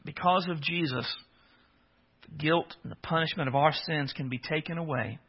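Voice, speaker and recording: A man preaches with earnest, emphatic stresses, stopping now and then to restart a phrase. His voice sits somewhat high for a man. The audio is dull and lo-fi. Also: moderate pace, breathy edge. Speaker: pastor. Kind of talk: sermon.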